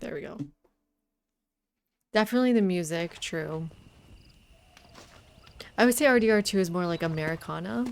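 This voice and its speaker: A woman's voice: fairly low pitch, moderate pace, creaky, long pauses, slight background noise. A woman chatting casually as she streams a video game, reacting aloud and answering viewers. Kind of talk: casual livestream gameplay chat. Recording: loud game music and horse sounds behind. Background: western video game music, hoofbeats, animal sounds.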